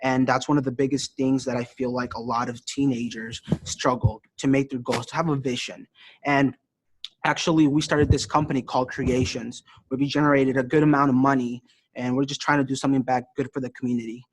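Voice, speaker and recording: A man's voice: mid-range voice, flat delivery, brisk, no room sound. A teenage man from Iowa giving an earnest, encouraging talk about goals, with loose restarts. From Iowa, USA. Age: teens. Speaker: youth speaker. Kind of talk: casual motivational talk.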